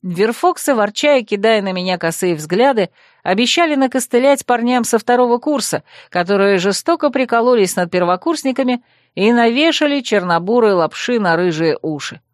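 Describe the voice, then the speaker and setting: Woman telling a storybook, expressive, dry close studio sound. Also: a little high, moderate pace, no room sound. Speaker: audiobook narrator. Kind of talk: first-person audiobook narration.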